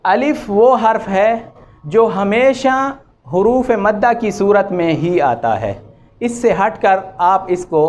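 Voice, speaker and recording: A man teaching Quran recitation rules, chanting examples with long drawn-out vowels and correcting common mistakes. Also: high-pitched. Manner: draws out vowels and repeats examples slowly, then corrects. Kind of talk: slow, patient tajweed lesson with chanted examples.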